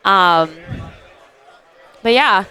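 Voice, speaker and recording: A man's voice: sits high, animated, drawn-out words, bright, forceful tone, clean tone, some chatter behind. A man casually commentating an arcade tournament stream, loose and chatty, often laughing.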